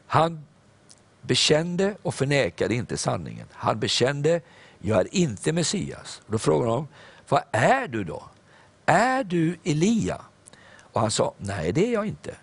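A man's voice: medium pitch, slightly rough. A man preaching a sermon, reading scripture aloud and acting out its dialogue, with some "eh"s and repeated words. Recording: broadcast program.

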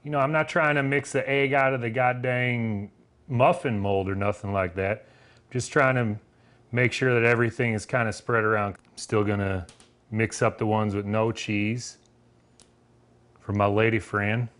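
A man's voice: on the low side, steady tone, moderate pace, a bit bright. Folksy Southern man talking through a recipe. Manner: folksy, rambling, with loose grammar and frequent filler words. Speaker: home cook demonstrating a recipe. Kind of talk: casual cooking demonstration.

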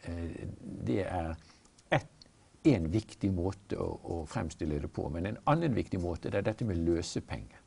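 A male preacher in an earnest, measured Bible discussion, explaining and telling stories. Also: low-pitched, lively intonation, creaky, dark tone, slight background noise. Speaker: preacher, guest.

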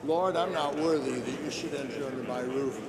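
A man serving as priest, reciting prayers at Mass in a measured, formal way, his voice carried by a long cathedral reverb. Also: mid-range voice, noisy background. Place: large church. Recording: church recording with long reverb.

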